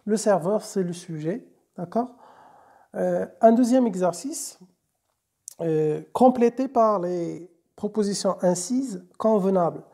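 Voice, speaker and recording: A woman teacher explaining a grammar lesson step by step. She often checks understanding with a quick question, and she hesitates and repeats words as she goes. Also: medium pitch, expressive, dark tone. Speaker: French teacher.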